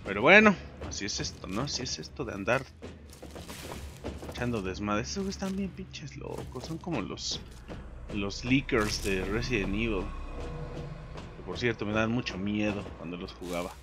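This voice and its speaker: A young man with a Mexican accent commenting on his own gameplay, excitable, swearing and yelping when startled. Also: on the low side, moderate pace, over music. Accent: Mexican Spanish. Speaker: gaming commentator. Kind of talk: let's play commentary.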